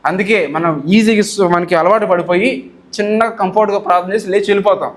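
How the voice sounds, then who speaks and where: High-voiced preaching male pastor. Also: fairly even intonation, fast talker. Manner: forceful preaching with rhetorical questions, acting out prayers. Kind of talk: sermon.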